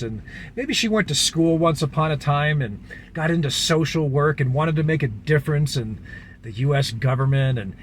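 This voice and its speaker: A man's voice: fairly high pitch, slight background noise. A man, a vlogger from the United States, telling a long story in a casual, rambling way, full of fillers. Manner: rambling, filler-heavy, animated retelling.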